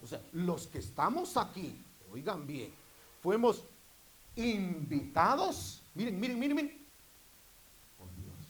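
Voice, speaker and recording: A man preaching a sermon to his congregation, repeatedly calling out to them and rising into loud, emphatic bursts. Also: high-pitched, very animated, slow, pauses often, poor audio.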